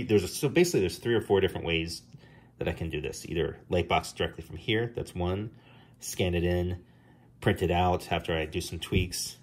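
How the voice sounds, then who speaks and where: A middle-aged man with a New Jersey accent walks through his drawing process in a relaxed, rambling way, full of ums and restarts. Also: deep voice. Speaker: comic artist. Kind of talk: casual drawing tutorial.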